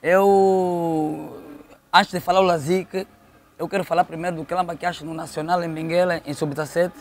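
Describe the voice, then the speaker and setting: The voice is male, fairly high, and flat, moving at normal speed. It belongs to a middle-aged Angolan-accented local football official who, as an interview guest, tells stories conversationally and repeats phrases for emphasis.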